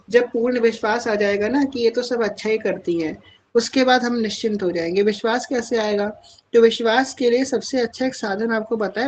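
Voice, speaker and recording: A woman guiding devotees in a live question-and-answer talk, speaking gently and patiently. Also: medium pitch, slight background noise, rough recording. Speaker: spiritual guide answering devotees.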